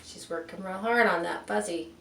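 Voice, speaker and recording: A children's storybook reader, she has a low, gravelly, slightly bright voice and reads at a normal pace. She tells the picture book with feeling, chatting on the side and posing rhetorical questions. The audio is roomy and distant, with faint background noise.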